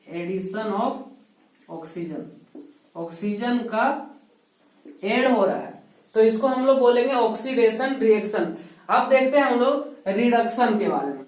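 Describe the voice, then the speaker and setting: A woman's voice: fairly high pitch, a little mellow. A woman teaching a school chemistry lesson, explaining step by step and asking rhetorical questions. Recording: echoey room, voice heard from a distance.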